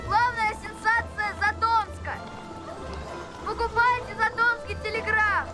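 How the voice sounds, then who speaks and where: A woman's voice: extremely high pitch, fairly even intonation, a little slow. A woman playing a young newspaper seller crying out headlines in the street in a period drama. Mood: urgent hawking. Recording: loud music over street scene.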